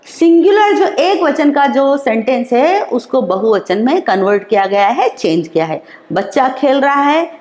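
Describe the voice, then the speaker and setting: A woman teacher, explaining slowly and repeating each example in an online class lesson. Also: sits high, darkish tone. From India. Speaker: school teacher. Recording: roomy echo.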